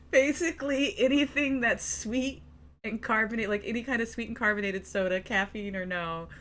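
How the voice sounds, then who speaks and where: Fast, chatty woman streamer. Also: fairly high pitch, fairly bright tone, slight background noise. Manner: fast, chatty, full of likes and laughs. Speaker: live streamer. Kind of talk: casual chat.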